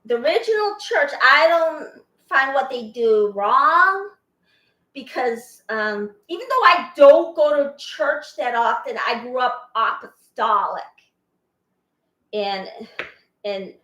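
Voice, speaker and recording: A woman's voice: sits high, expressive, slow pace, fairly bright tone, echoey room. An older woman born in Boston to an Armenian family, chatting in a rambling way and laughing often as she hosts a cooking vlog in her home kitchen. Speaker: cooking channel host. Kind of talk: casual cooking vlog chat.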